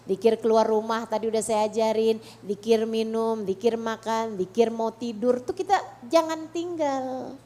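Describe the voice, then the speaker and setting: A middle-aged religious teacher with an Indonesian accent gives an Islamic study talk to women, speaking earnestly and often questioning her audience. Her voice is a little high, steady and warm, at a normal speed.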